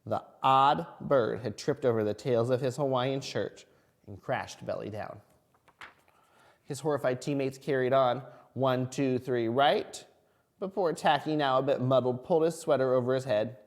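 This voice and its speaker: A man's voice: medium pitch, moderate pace. A man teaching kindergarten reading, reading a picture book aloud expressively as if to a toddler and asking simple questions along the way. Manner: asks the listening children simple questions. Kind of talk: animated picture-book read-aloud for young children.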